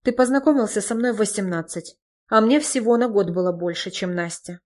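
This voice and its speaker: A woman voicing a sharp-tongued, sarcastic young woman. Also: medium pitch, a little fast, close to an everyday voice. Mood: reproachful. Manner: sarcastic, cutting.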